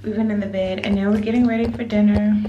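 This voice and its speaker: Holding her camera at arm's length in a resort hotel room, a young vlogger chats giggly and fast to her viewers, whom she calls y'all. Her mid-range voice shows little pitch movement, and the travel vlog audio is dull with slight background noise.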